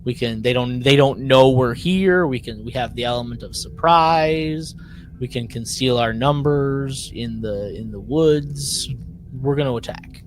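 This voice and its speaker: A man with a mid-range, unhurried voice co-hosts a casual podcast recap, with a little hiss or hum in the recording. His animated chat is emphatic; he repeats himself for effect and acts out mock quotes.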